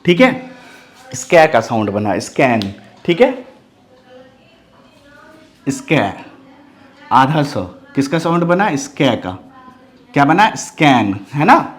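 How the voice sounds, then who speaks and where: A man teaching English phonics, spelling each word letter by letter and repeating it, asking the class questions and answering them himself. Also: fairly high pitch. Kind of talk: phonics lesson.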